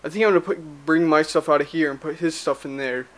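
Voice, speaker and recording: This casual vlog features a young man with a fairly high-pitched voice, fairly even intonation and a quick pace. He wanders a small cluttered spare bedroom, camera held at arm's length, rambling chattily with plenty of fillers.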